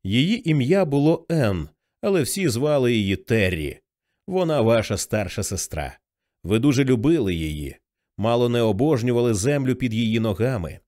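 A man reading the lines of a quiet, earnest young man in an audiobook. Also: medium pitch, very animated, moderate pace, no echo, studio quality, close to an everyday voice.

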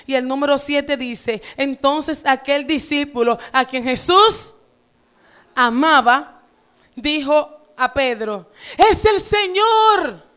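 A woman's voice: high-pitched, a bit bright, smooth. A woman pastor, preaching a fervent sermon in a church with repetitive phrasing. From Dominican Republic.

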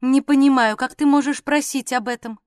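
A woman reader plays a haughty aristocratic lady from an audiobook. She speaks coldly and with disdain, holding herself apart. The voice sits high. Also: steady tone, moderate pace, a little mellow, dry recording, studio quality, natural voice. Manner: cold and disdainful.

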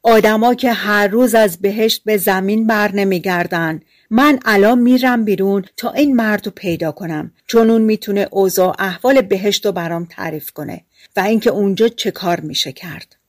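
A woman's voice: medium pitch, no echo, studio quality, close to an everyday voice. A woman voicing a naive, tired young farm lad in a storybook fairy tale, speaking earnestly and pleading.

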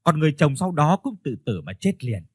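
A male storyteller narrating a ghost story in a scripted reading, with soft instrumental music behind him. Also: a little high, very animated, brisk, husky, dry recording, studio quality. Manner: storytelling, voices the characters.

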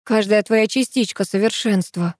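A woman's voice: mid-range voice, normal speed, a little mellow, no echo, clean studio sound, close to an everyday voice. A woman voicing an ardent, confident young male lover in an audiobook. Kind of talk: audiobook reading.

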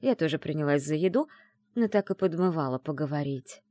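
A woman narrating a first-person fantasy audiobook, her pitch rising and falling with lively expression. The recording is dry and close, with no room around her voice. She tells the story with steady, engaged storytelling. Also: brisk, dry recording. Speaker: audiobook reader.

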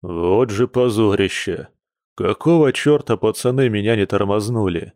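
A man's voice: lowish voice, measured pace, a little mellow, no echo. A man voicing a hungover bear werewolf who groans and complains gloomily, in a dry audiobook recording. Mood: groaning. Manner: groaning, mournful.

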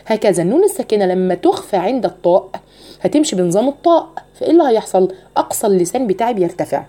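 Egyptian woman, recitation teacher, dark mellow tone, quizzes listeners, models words slowly. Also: mid-range voice, big pitch swings. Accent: Egyptian Arabic. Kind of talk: tajweed lesson.

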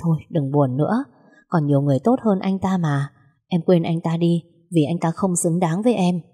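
Storybook young male suitor, steady and teasing, read by a woman, husky lowish voice. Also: moderate pace, big-room sound. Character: young man, calm, teasing, persistent suitor.

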